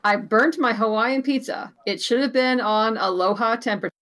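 A woman's voice: fairly high pitch, normal speed, a bit bright. A woman with a Boston accent in casual chat on a show panel.

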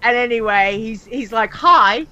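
Brief: chatty woman co-host from Australia, mid pitch, laughs easily, gaming chat. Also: animated, normal speed, lo-fi sound, crowd noise. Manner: chatty, laughs often, acts out in-game dialogue. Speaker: podcast co-host. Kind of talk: casual chat about a video game.

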